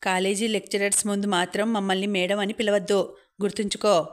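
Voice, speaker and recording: A bossy young college senior in a storybook reading, firing off brisk orders, as a woman narrator voices her. The orders come out level, with little rise or fall. The voice sits at a middle pitch. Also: flat delivery, lightly acted. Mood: commanding.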